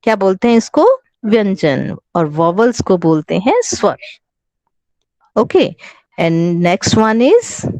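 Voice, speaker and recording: A woman's medium-pitched, slightly mellow voice swings widely in pitch, captured dry on an online class microphone. She has an Indian accent and teaches children English online, slowly and patiently combining Hindi and English, spelling words letter by letter, and addressing the kids as "beta".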